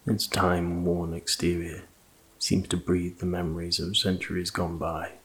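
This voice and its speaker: A man narrating a sleep story in a soft, calm, hushed voice, slowly and soothingly, with a scripted relaxing delivery. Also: sits low. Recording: faint noise under rain ambience. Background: rain ambience.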